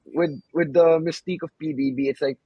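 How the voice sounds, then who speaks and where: A laid-back male podcast host with a husky voice keeps tossing in "bro" and "man". His recording sounds dull and lo-fi, and completely dry. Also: on the high side, fairly even intonation, fairly quick, dry recording. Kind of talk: casual interview chat.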